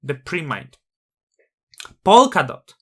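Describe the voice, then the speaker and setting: A man's voice: fairly high pitch, sing-song, slow pace. A man with a noticeable non-native accent hosting a crypto channel, talking in a grandiose, self-aggrandizing persona full of rhetorical questions. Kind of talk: casual opinion monologue on screen.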